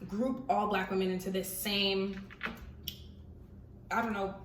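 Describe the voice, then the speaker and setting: A woman's voice: medium pitch, measured pace. Giggly young woman hosting a casual chat. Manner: giggly, animated, talks through laughter. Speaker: channel host. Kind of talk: casual chat over a mukbang. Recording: echoey room, distant mic, faint hiss.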